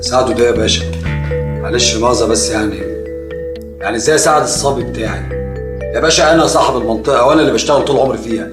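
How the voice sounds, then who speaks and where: Egyptian street dealer played by an actor, rapid-fire, roomy and off-mic. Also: male voice, mid-range voice, over loud music, close to an everyday voice. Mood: indignant. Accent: Egyptian Arabic. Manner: fawning, then indignant. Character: streetwise neighborhood dealer, proud and touchy. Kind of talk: TV drama acting. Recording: distant, echoey room.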